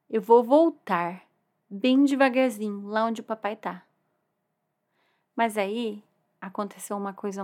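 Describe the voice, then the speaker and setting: A woman narrating a children's story expressively. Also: sits high. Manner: animated, expressive, drawn-out words.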